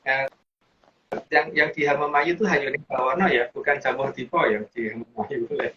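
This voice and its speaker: Through dull lo-fi audio with faint hiss, a male guest explains teachings in casual chat. His medium-pitched voice moves at a normal speed, rambling with restarts and fillers.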